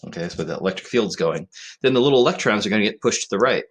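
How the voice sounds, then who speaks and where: A man's voice: on the low side, animated, rapid-fire, slightly rough. A man talks through a physics lesson. His delivery is conversational, with fillers and frequent "right?" prompts to the student. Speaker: physics teacher. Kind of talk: recorded classroom lecture.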